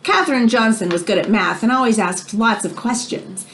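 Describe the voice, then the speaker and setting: A woman teacher, her voice on the high side and a bit bright, reads expressively from a children's nonfiction book at a moderate pace. She explains things as she reads, stresses key phrases, and adds quick asides, with a faint hiss or hum in the recording.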